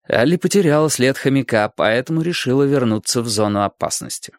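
A man reading a children's adventure story aloud in a steady, even storytelling manner. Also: mid-range voice, brisk, no echo, clean studio sound. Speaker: audiobook narrator. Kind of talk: scripted narration.

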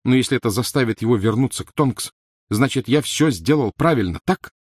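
A man's voice: fairly low pitch, brisk, darkish tone, dry recording, clean studio sound, close to an everyday voice. A man voicing a defiant, angry teenage boy in a storybook reading, curt and raised. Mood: pleading.

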